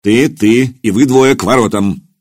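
A man voicing a gruff, bluff older male sergeant who barks orders, in an audiobook. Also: mid-range voice, unhurried, a little mellow, natural voice.

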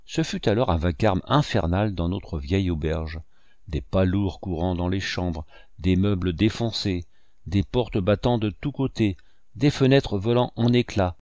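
A man narrating a novel in the first person with a measured storytelling delivery. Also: low-pitched, a little mellow, no room sound, clean studio sound. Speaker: audiobook narrator. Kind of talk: scripted narration.

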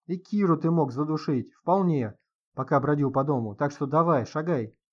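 Narrator as a confident man, curt, fairly high voice, audiobook. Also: moderate pace, highs cut off, natural voice. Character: self-assured man, gun collector.

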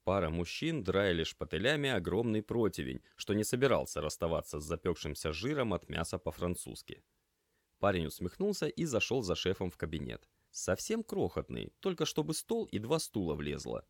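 A man narrating an audiobook in expressive, scripted storytelling. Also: low-pitched, moderate pace, no echo, studio quality.

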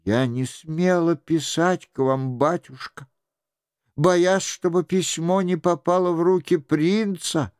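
A man's voice: on the high side, steady tone, slow, darkish tone, clean tone, no room sound, studio quality. Man doing a frightened young noblewoman. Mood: apologetic.

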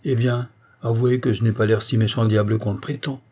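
A man's voice: medium pitch, steady tone, fairly quick, mellow, close to an everyday voice. A man voicing a hearty, good-natured young countryman with a teasing charm in an audiobook. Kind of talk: audiobook character reading.

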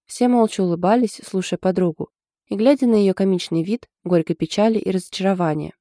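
A woman narrating a comic audiobook in a lively storytelling manner. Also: medium pitch, a little fast, no room sound, studio quality.

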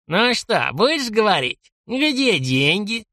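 A scrawny old jailer cackles and bosses his thugs in a creaky, high, reedy voice, as a male narrator puts him on. He drags out his taunts, and his pitch leaps up and down. The audiobook sound is dry and close. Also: sing-song, sharp tone, dry recording, exaggerated voice. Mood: mocking, bossy. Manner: mocking, bossy, drawn-out. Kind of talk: audiobook character voice.

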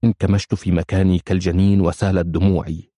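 A man narrates a dark first-person story in a measured, somber way. His voice sits very low and steady. The recording is dry and close, with no room around it. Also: no room sound. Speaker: audiobook narrator.

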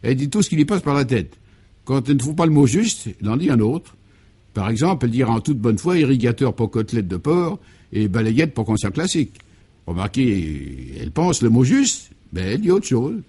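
A man's voice: medium pitch, big pitch swings, brisk, mellow, slightly rough. A man playing a jovial colonial governor who explains things in a genial way, as comic radio serial acting.

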